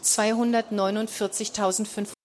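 A woman's voice: medium pitch, little pitch movement, a little fast. A woman reading a children's story aloud, giving the characters light voices of their own. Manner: reads dialogue with light voice changes, occasional fillers.

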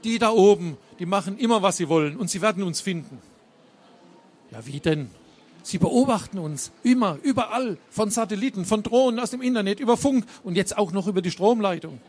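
A man's voice: high-pitched, lively intonation, brisk. A man voicing a nervous, paranoid male bomb maker who rants about being watched. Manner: frantic ranting.

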